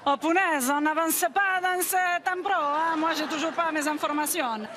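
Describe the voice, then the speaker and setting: A woman's voice: sits high, normal speed, noisy background. A woman improvising a comedy scene, sounding exasperated and making laughing asides.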